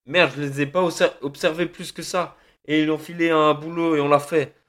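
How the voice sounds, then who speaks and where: A man's voice: on the high side, level tone, a little fast, a bit bright, close to an everyday voice. A man playing a terrified, sobbing captive thug. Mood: nervous. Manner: panicked, stammering, pleading and cursing. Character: terrified captive thug under interrogation, male adult. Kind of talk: audio drama acting.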